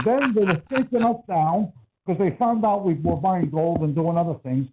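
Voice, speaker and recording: An older man calling in to a talk radio show over a muffled bluetooth headset phone line, telling a story in a blunt, rambling way. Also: high-pitched. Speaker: caller.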